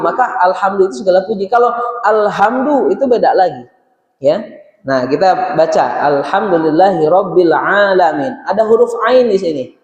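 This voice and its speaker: A man's voice: sits high, a little mellow. A man teaching Quran recitation in a mosque, speaking with a Sundanese Indonesian accent and patiently repeating and chanting each verse for his listeners to follow. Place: mosque hall. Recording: echoey mosque hall with long reverb.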